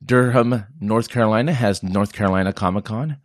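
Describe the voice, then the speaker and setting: A man's voice: fairly low pitch, a little fast, dry recording, studio quality. A young man hosting a podcast, reading out a list of upcoming events in a chatty, joking way and tripping over place names now and then. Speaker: podcast host.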